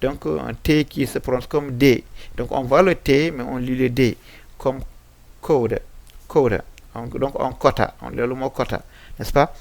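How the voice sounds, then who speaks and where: A man teaching English pronunciation in French, slowly repeating example words with frequent hesitations and a West African French accent. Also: medium pitch, fairly even intonation, creaky, no echo. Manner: slow, repeating example words many times. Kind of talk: French-language pronunciation lesson on English sounds.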